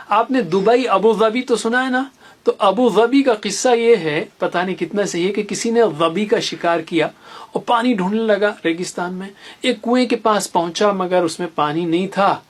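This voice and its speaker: Slow, patient Quran reading teacher. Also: medium pitch. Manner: patient, repeats each letter sound slowly; teaches with little memory stories. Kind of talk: tajweed lesson for beginners.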